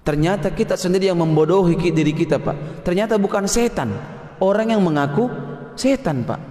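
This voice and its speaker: Animated male preacher in an echoey hall. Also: sits high, fairly quick. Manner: animated, joking, acts out quoted voices. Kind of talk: religious lecture. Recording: roomy echo, long hall reverb.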